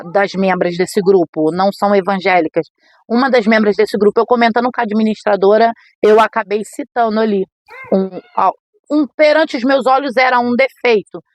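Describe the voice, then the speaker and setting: Middle-aged woman, preacher guest, animated spoken testimony, dry close sound, mid pitch. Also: no echo. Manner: animated storytelling, acts out quoted voices. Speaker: podcast guest, missionary preacher. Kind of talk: emotional personal testimony.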